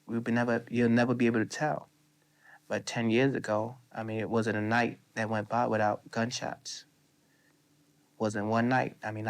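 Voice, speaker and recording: A thirty-year-old man gives a plain, matter-of-fact account in an interview. His voice is clean and smooth, and his pitch stays flat. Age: 30s. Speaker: interviewee, local resident. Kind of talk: documentary interview.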